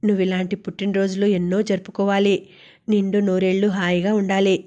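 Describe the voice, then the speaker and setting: A woman's voice: medium pitch, level tone, fairly quick, warm tone, lightly acted. A woman voicing an affectionate middle-aged father on a phone call to his daughter. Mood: tender. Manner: tender, reassuring.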